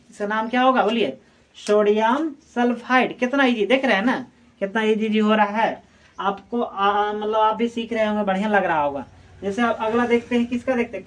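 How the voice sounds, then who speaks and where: Woman, chemistry teacher, quizzing style, higher voice, distant mic. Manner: quizzes students with repeated questions and answers them herself. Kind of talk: classroom explanation.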